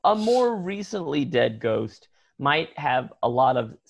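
A man's voice: mid-range voice, very animated, a little slow, gravelly. A man co-hosting a casual podcast, musing and joking along with the others.

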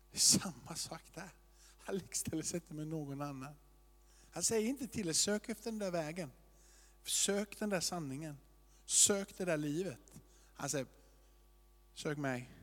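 A man preaches a sermon, his voice pitched a little high for a man. He wanders between muttered asides and swelling, repeated declarations. The sound carries a long church-hall reverb. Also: pauses often. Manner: loose and searching, with shifts between quiet asides and rising emphatic repetition. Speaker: pastor.

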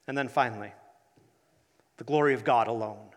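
A man preaching a teaching sermon, deliberate in delivery, repeating key phrases for the congregation. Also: mid-range voice. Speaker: pastor preaching. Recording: long hall reverb.

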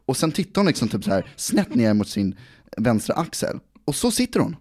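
A man hosting a podcast, telling stories in relaxed casual chat with a teasing manner. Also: medium pitch, slightly rough. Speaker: podcast host.

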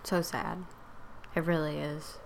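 A woman's voice: sits low, takes it slowly, gravelly, a little hiss or hum. A woman hosting a casual podcast chat, talking in a hesitant, rambling way with many fillers. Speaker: podcast host.

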